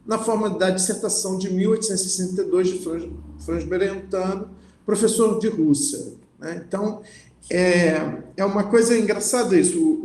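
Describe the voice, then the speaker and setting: Guy lecturing on philosophy, kinda high voice, keeps saying né, echoey room. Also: mellow, slight background noise. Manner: reads passages aloud, then comments with frequent "né?" and restarts. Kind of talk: lecture, reading and explaining a text.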